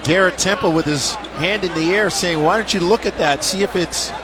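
Speaking briskly in a high-pitched voice, a man delivers live basketball play-by-play in short, clipped bursts. The arena crowd and bouncing balls can be heard courtside behind his commentary.

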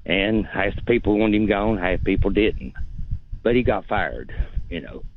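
A man's voice: fairly low pitch, animated, normal speed. A man calling in to a sports radio show over a phone line, blunt and rambling in a folksy way. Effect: heard over a phone line. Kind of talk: casual call-in opinion.

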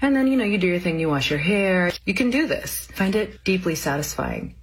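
A woman's voice: on the low side, sing-song, a little fast. A woman chatting casually while giving everyday tips, in a clip played on a radio show.

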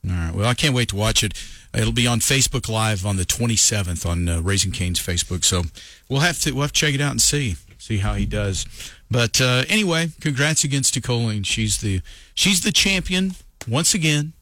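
Bright, dry-voiced male radio host. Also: mid-range voice, lively intonation, a little fast, dry recording. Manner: rambling, easygoing, lots of fillers. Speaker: morning radio show host. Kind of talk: casual on-air chat.

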